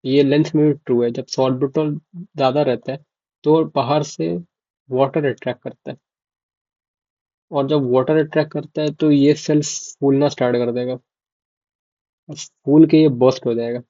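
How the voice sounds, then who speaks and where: A man's voice: medium pitch, steady tone, a little slow, long pauses, dark tone, no room sound. Casual young male medical tutor. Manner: casual, asks "ok?" and repeats key terms to check understanding. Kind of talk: informal lecture explaining to students. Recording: dull, dry lo-fi mic.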